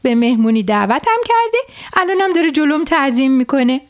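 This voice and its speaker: A woman voicing a clever, boastful male rooster who crows loudly in a storybook tale for children. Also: high voice, lively intonation. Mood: crowing, boastful. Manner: loud crowing sing-song.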